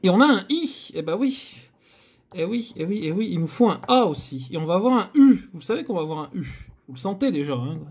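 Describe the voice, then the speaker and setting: A man's voice: high-pitched, very animated, fairly quick, a little mellow, breathy edge. A man hosting a scratch-card video, giving chatty, theatrical commentary to his viewers as he scratches. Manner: chatty, theatrical, addresses viewers, frequent groans. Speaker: host.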